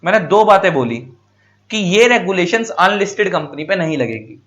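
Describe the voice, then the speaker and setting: A man's voice: sits high, animated, normal speed, a bit bright, highs cut off. A male teacher giving a classroom lecture in Hindi. He asks questions and answers them himself, repeats key points, and calls his students "beta".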